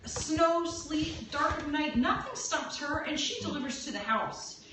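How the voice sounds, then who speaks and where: Woman co-host, chatty storyteller, higher voice, heard from off-mic in an echoey room. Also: animated, measured pace. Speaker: podcast co-host. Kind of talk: casual chat. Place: workshop at a rural property. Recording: roomy, distant and noisy.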